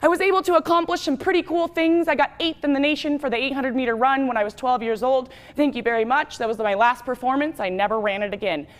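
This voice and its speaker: Young woman from Wyoming, high voice, quick chatty testimony speaker. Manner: fast, lively, chatty. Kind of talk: personal testimony speech.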